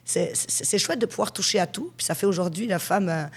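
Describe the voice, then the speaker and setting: Her voice sits in the middle range, husky and fairly quick. She's a woman in her forties from Switzerland, a hypnotherapist appearing as a guest in a conversational interview, chatting frankly and with lively storytelling about her work life.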